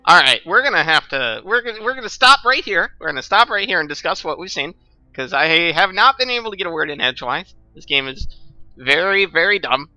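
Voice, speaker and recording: A man's voice: a little high, very animated, brisk, sharp tone, dry recording, faint music behind, poor audio. A young adult man doing sarcastic, ranting, profane gaming commentary. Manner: ranting, sarcastic, laughs often. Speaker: let's play commentator.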